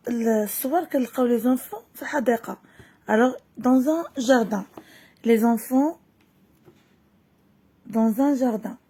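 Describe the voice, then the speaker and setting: A Moroccan woman teacher reads a French lesson text slowly and clearly, then explains it quickly in Moroccan Arabic. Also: high-pitched, dark tone. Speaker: primary school French teacher. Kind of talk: reading lesson, slow read-aloud with explanations.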